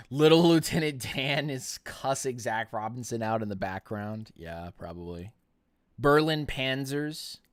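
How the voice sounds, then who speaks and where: A young man hosting a live stream, giving excitable play-by-play commentary as he watches a football game. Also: mid-range voice, unhurried, clean tone, no echo, studio quality. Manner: excitable play-by-play, rising loud on big plays.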